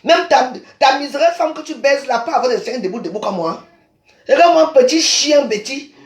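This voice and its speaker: An angry Cameroonian woman with a resonant voice, a social media personality, rants live online in Cameroonian French with a roomy echo. Her high female voice is expressive and fairly quick, and she is combative, insulting and repetitive.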